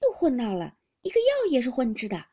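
A woman voicing a poised young woman who speaks calmly and gently chides in a storybook reading. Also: sits high, fairly quick, heavily acted. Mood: gently chiding.

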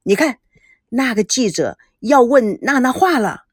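A woman's voice: fairly high pitch, animated, a little slow, no room sound, studio quality. A woman voicing a chatty, gossipy older rich woman at a mahjong table, exclaiming at every turn. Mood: excited.

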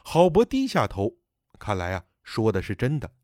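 A man narrating a story in an expressive storyteller's manner. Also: medium pitch, moderate pace, no echo, studio quality.

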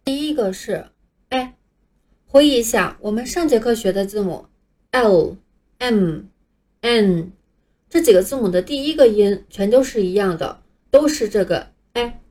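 A woman teaching English letters, speaking patiently and clearly in a scripted lesson, with Chinese as her first language. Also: on the high side, expressive, a little fast, mellow. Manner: patient, clear, modeling pronunciation for learners to repeat.

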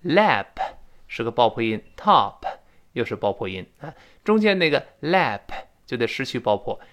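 A man teaching spoken English, explaining pronunciation patiently and reading the example lines slowly so listeners can repeat them. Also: medium pitch, big pitch swings, fairly bright tone.

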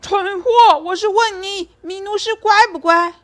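A woman voicing a fierce, hungry male circus lion, roaring in slow, drawn-out shouts. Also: high-pitched. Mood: furious.

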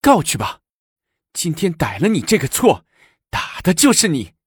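A man's voice: on the high side, huge pitch swings, breathy edge, no echo, clean studio sound, voice pushed up, heavily acted. A man voicing a haughty, scheming young empress who sneers and commands punishments. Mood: furious. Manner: sneering, drawn-out mocking lines.

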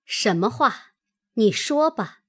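A defiant young maid with a high, breathy voice that swings wide as she lashes out, as a woman reader puts her on. She scolds in sharp, heated bursts, proud and unwilling to give an inch, in a storybook reading. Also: animated, slow pace, exaggerated voice. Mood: indignant.

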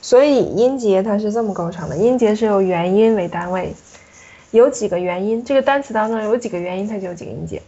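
A woman's voice: medium pitch, fast talker, dark tone, dull audio. A woman French teacher giving a classroom pronunciation lesson, patiently asking her student questions and drilling sounds.

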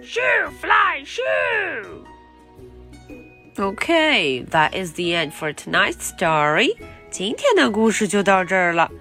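Animated woman reading a picture book aloud. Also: lowish voice, soft background music. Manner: reads English lines slowly, then explains playfully. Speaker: picture-book reader for children. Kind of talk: bilingual storybook read-aloud.

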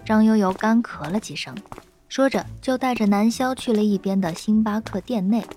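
A woman narrating a web novel in a steady, lightly playful storytelling tone. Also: medium pitch, moderate pace, soft background music. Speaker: audiobook narrator.

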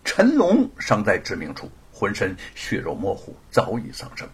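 A man narrating a scripted story in an expressive, dramatic way. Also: fairly low pitch, moderate pace, breathy edge.

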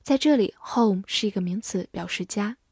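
A woman teaching English vocabulary in a scripted lesson, spelling words letter by letter and repeating them slowly. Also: mid-range voice, a little mellow, slightly rough, no echo, clean studio sound.

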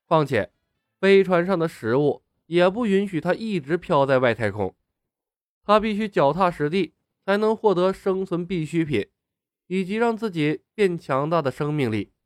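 High, animated male audiobook narrator. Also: normal speed, dry recording, studio quality. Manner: expressive storytelling.

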